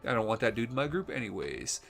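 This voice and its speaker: A man at an ordinary middle pitch chats his way through a role-playing game, thinking out loud with ums and uhs. His voice is wearing thin and a little hoarse from talking. Quiet music plays faintly underneath. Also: sing-song, fast talker. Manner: chatty, fillers, thinks aloud. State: voice going hoarse. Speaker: let's play host. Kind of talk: casual gameplay commentary reading dialogue aloud.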